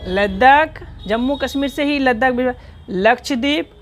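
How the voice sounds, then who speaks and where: A man's voice: very high-pitched, moderate pace, crowd noise. A male teacher giving a recorded lesson, explaining step by step and asking questions he then answers himself.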